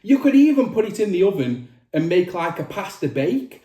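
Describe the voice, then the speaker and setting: A man giving a casual food review to camera as the host, with drawn-out, emphatic presenter phrasing. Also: high voice, big pitch swings, mellow. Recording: roomy, echoey indoor sound.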